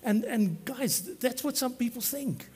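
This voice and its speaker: A man's voice: very high-pitched, lively intonation, a little slow, darkish tone, breathy edge. A man preaching a sermon as pastor, talking to the congregation in a conversational, joking way. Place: church.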